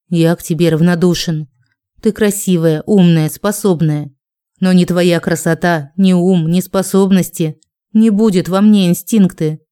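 A man's voice: sits high, warm tone, clear, resonant tone. A woman reading a cold, contemptuous dragon man. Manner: slow, contemptuous, menacing. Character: cold proud male dragon husband.

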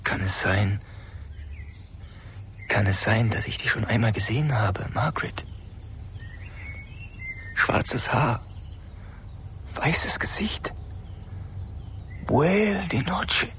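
A man's voice: mid-range voice, very animated, takes it slowly, pauses often, background noise. An actor playing a haunted, guilt-ridden man who speaks tensely and sometimes whispers in dread in a radio drama. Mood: brooding. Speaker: lead character.

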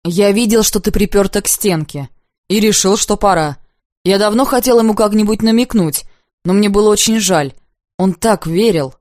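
A woman's voice: medium pitch, normal speed, a little mellow, no echo, clean studio sound, natural voice. Woman doing a jealous husband, reproachful and pleading, audiobook. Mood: confiding.

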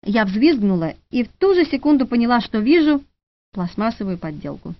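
A woman narrating an audiobook in a lively, expressive reading, in a dull, dry studio recording. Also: on the high side, normal speed, no room sound.

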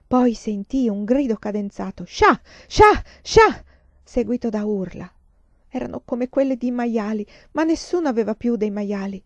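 A woman reading a novel aloud in a measured, sombre storytelling voice. Her tone is warm and mellow. The recording is dry and slightly muffled. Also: a little high, no room sound. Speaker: reader.

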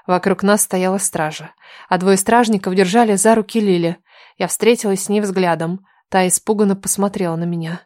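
A woman reading a first-person story aloud in steady scripted narration. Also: medium pitch, moderate pace, dry recording, clean studio sound. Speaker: audiobook narrator.

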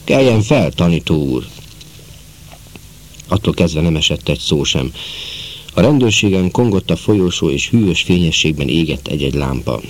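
Low-voiced guy reading a novel out loud, calm and measured. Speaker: audiobook narrator.

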